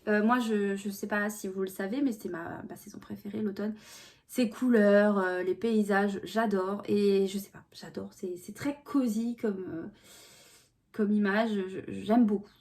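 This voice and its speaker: A woman's voice: mid-range voice, fairly even intonation, a little slow, darkish tone. A woman talking casually in a vlog, chatty and rambling, with many fillers and restarts. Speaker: vlogger.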